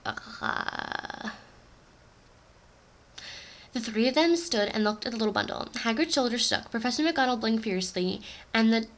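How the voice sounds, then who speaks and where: A woman's voice: on the high side, moderate pace, pauses often. A woman reading a novel aloud in an amateur way, stumbling over words and correcting herself. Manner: blunt, unimpressed in her own comments. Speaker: reader.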